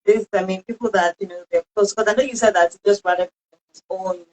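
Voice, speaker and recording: A woman interview host who affirms her guest and asks gentle follow-up questions. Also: medium pitch, fairly even intonation, fast, rough recording. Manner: warm and affirming, many murmured "mm"s. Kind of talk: casual interview.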